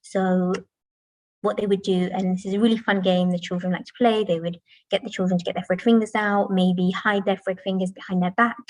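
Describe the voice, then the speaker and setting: A woman's voice: medium pitch, fairly even intonation, brisk, darkish tone, no room sound, rough recording. A woman teacher giving a talk to parents, explaining patiently and modelling classroom chants. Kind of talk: presentation to parents. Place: school, indoors.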